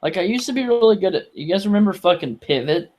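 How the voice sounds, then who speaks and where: Man, fairly high voice, casual livestream chat, rambling, very sweary. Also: animated, quick pace, darkish tone. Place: online voice call livestream.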